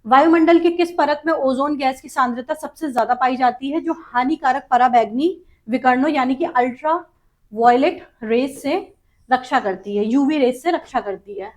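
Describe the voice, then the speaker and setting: A woman teaching a spoken exam practice lesson, reading out questions and options and then explaining each answer. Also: high voice. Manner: drawn-out sounding-out of vowels and terms.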